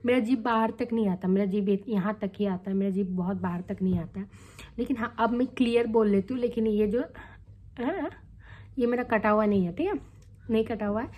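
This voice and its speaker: A woman's voice: mid-range voice, brisk, lo-fi sound. A young adult woman vlogging casually to the camera, chatty and candid, often checking in with her viewers as she talks. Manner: chatty, candid, tags lines with "theek hai" and "hai na".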